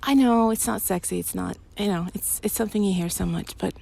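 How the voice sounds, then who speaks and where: A woman speaks a little fast in a medium-pitched, slightly mellow voice with vocal fry, playing a loving girlfriend for an audio roleplay. Her intimate, one-sided talk to a partner is rambling, giggly, and hesitant, with phrases that trail off as she rides a bike path. Traffic and passing vehicles make the outdoor recording noisy.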